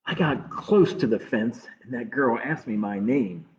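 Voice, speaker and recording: A man reading a picture book aloud to children with measured, expressive pauses. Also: medium pitch. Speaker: library storytime reader. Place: livestream from a closed-library online program. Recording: muffled phone-like streaming audio.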